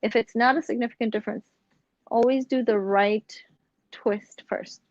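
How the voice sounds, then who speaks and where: A young woman guiding a yoga class, giving slow, gentle cues with casual asides. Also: on the high side, fairly even intonation, no echo, muffled recording. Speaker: yoga instructor. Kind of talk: guided yoga instruction.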